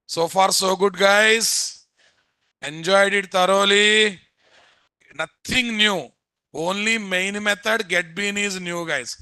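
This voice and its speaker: A man's voice: high-pitched, takes it slowly, bright, forceful tone, clean tone, dry recording. A man with an Indian Telugu accent giving a live programming lecture as an instructor, repeating phrases and constantly quizzing his listeners.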